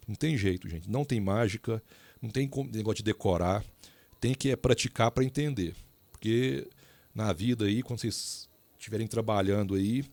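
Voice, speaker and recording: A man's voice: medium pitch, gravelly, darkish tone, no room sound. A man teaching a recorded engineering lecture in an informal way, speaking straight to his students with asides and restarts. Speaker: engineering professor.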